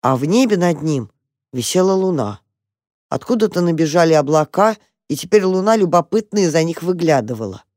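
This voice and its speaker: A narrator reading a children's story aloud in a calm, even manner. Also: medium pitch, brisk, dry recording, clean studio sound.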